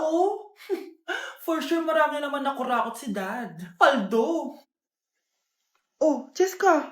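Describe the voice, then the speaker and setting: A woman performing short comedy skits alone, switching between shrill, dramatic and soft voices. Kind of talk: comedy skits, playing many roles.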